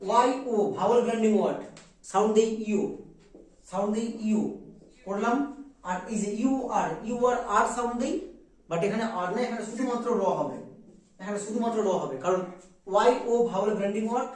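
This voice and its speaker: High-voiced man teaching in an echoey room. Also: fairly quick, far from the mic. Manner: drills students with repeated questions. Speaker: English pronunciation teacher. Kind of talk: classroom lesson.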